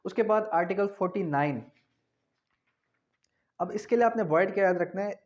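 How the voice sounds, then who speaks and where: At a moderate pace, a man with a high voice and a Pakistani accent lectures on law, going through legal articles and unpacking each one. He teaches didactically, repeating key phrases, over dull, lo-fi audio.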